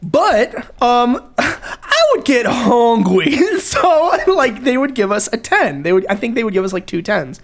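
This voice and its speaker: A young man co-hosting a podcast, telling a story in casual chat, excitable and profane, laughing through it. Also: extremely high pitch, measured pace, hardly any pauses. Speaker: podcast co-host.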